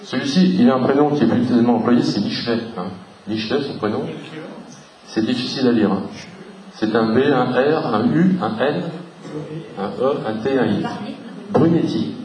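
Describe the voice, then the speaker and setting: A man gives a public history talk in a hall, taking his time and spelling out letters from his slides. He sounds far from the microphone, and the room echoes around him. His voice sits at an ordinary middle pitch for a man. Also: a little mellow, muffled recording. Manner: unhurried, explanatory, spells out letters for the audience. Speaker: local history lecturer. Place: hall with a live audience.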